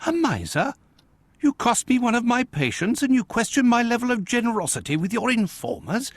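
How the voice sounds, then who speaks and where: A very animated, husky British gentleman doctor. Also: very high-pitched, normal speed, no room sound, exaggerated voice. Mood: indignant. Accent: British English. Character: proper, indignant, good-hearted gentleman doctor, detective's companion. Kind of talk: dramatic video game voice acting.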